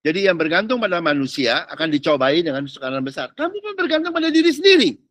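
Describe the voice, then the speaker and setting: Man, pastor, casual sermon, slangy, high voice, dry close sound. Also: sing-song, fast talker, a bit bright, no room sound. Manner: casual preaching with street slang, rhetorical questions; mixes in English phrases.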